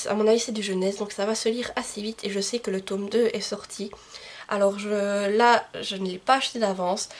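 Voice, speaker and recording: A woman book vlogger talks casually to her camcorder, presenting her reading plans. Her voice is husky and a little breathy, at an ordinary middle pitch. She often pauses on fillers and corrects herself mid-sentence. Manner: chatty, frequent fillers and self-corrections. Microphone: camcorder microphone.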